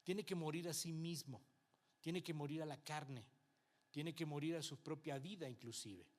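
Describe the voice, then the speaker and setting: Teaching a Bible class in church, a Uruguayan pastor speaks at a moderate pace with a fairly high voice. He uses Uruguayan Spanish tinged with Mexican influence, chatting with the congregation, often checking in rhetorically and performing people's words as quotes.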